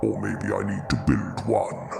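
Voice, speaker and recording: An extremely low, heavily croaking monster in an audio drama. The creature is bitter and grieving, brooding over every slow, solemn phrase. Clear background noise sits behind the voice. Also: male voice, expressive, exaggerated voice. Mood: wounded, yearning. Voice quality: deep, gravelly. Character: Frankenstein's monster, bitter grieving philosophical male creature, ancient at heart. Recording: clearly noisy background ambience.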